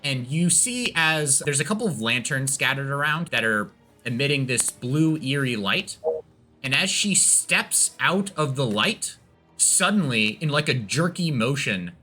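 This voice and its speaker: A man narrating as game master of a tabletop game, halting with many restarts. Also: medium pitch, very animated, sharp tone, faint music behind.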